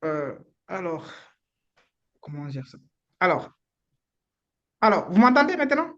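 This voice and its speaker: Low-voiced Beninese woman lawyer, frank. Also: big pitch swings, a little slow, muffled recording. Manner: informal and frank, with blunt slang. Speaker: immigration lawyer. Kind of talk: live online advice session.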